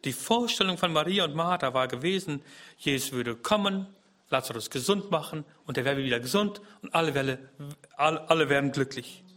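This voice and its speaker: A middle-aged man preaching a sermon, swinging from soft, low phrases to loud, emphatic peaks. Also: expressive, a little fast.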